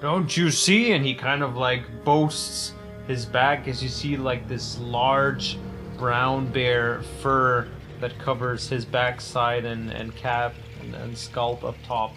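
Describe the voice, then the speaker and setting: A man running a tabletop game, narrating casually and haltingly as he searches for his words. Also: medium pitch, flat delivery, music in the background. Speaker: game master.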